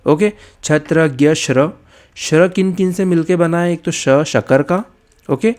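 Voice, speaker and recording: Slightly high-voiced man teaching exam prep. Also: takes it slowly, darkish tone. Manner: asks questions and answers them himself; checks in often with "okay" and "right". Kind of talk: exam-prep lesson explanation.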